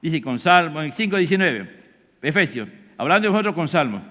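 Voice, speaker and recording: A man's voice: on the high side, sing-song, a little fast, sharp tone. An older man with a Peruvian Spanish accent preaching a sermon, asking the congregation questions and acting out quoted lines. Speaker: pastor. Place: church hall. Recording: echoey church hall.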